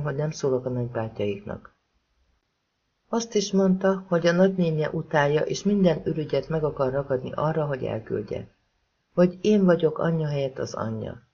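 A man voicing a remorseful young woman who haltingly recounts painful memories in a husky voice. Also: fairly high pitch, warm tone, muffled recording.

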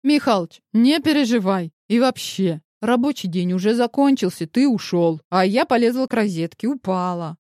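A woman's voice: medium pitch, animated, moderate pace, hardly any pauses, a little mellow, no room sound, clean studio sound, lightly acted. A woman voicing a brash secretary in her forties who talks bluntly and dismissively. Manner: blunt, dismissive, matter-of-fact.

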